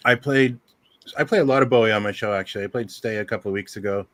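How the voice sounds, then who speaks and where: A Southern Ontario radio host with a lowish voice chats quickly and casually on a livestream, rambling through his music picks with plenty of ums. The recording has no room sound.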